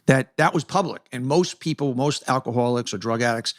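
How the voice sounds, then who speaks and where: A man's voice: medium pitch, fairly quick, no room sound. Chatty male host, dry close sound. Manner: chatty, affirming, stumbles into questions. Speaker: podcast host. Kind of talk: conversational interview.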